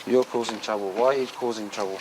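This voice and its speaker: A man's voice: on the low side, steady tone, fast talker. A man with a broad New Zealand accent, a police officer speaking bluntly and firmly in colloquial language to members of the public. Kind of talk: on-the-job talk with members of the public. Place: outdoors on a residential street. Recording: noisy outdoor location sound with traffic.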